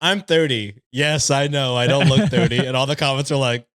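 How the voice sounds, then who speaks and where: A man's voice: medium pitch, normal speed, fairly bright tone, dry recording. Blunt, joking man in a dry room. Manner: joking, blunt, swears freely. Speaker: podcast co-host. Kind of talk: casual chat.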